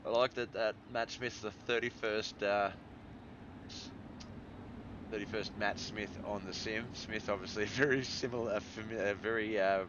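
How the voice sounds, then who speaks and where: A man's voice: fairly low pitch, fairly bright tone, dull audio, a little hiss or hum. A man calling sim racing play-by-play in a laid-back, rambling way. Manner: laid-back, rambling, yawning between calls. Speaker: race commentator.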